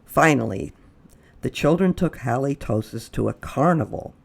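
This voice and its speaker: Her voice is very deep, creaky, and edged with breath as she narrates a children's picture book at storytime. She reads expressively, pausing for drama and sinking into whispers.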